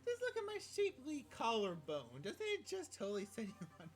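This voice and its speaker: A man voicing a manic, taunting female serial killer, loud and mocking over game music. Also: extremely high pitch, huge pitch swings, brisk, voice pushed up, heavily acted.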